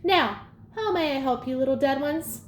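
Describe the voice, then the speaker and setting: Lady doing smooth cold british ferryman guy, condescending, kinda roomy sound. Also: high voice, moderate pace, slight background noise, natural voice. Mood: smooth, mocking. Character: smooth sly older male ferryman of the dead. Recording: echoey room, faint ambience.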